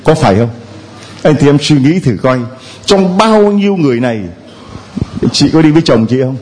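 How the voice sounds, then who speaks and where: Lively teasing priest, man preaching. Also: a little high, normal speed. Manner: teasing, playful with the congregation. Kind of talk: sermon. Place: church.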